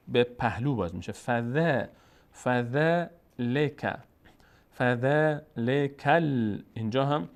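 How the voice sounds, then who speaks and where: Patient man teaching Quran reading slowly. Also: medium pitch. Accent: Afghan Dari. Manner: patient, repeats syllables slowly and drawn out. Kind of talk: slow step-by-step recitation lesson.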